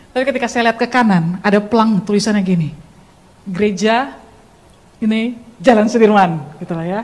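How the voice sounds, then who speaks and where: Brief: young woman, church testimony, expressive storyteller who acts out scenes, voice a bit high. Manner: animated storytelling, addresses listeners directly, acts out scenes. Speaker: testimony speaker.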